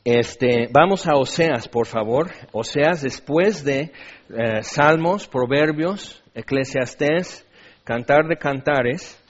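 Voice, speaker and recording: A man preaching a sermon, acting out scenes and quoted voices with animation, then dropping to a low, earnest, firm tone. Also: takes it slowly. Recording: dull lo-fi sound.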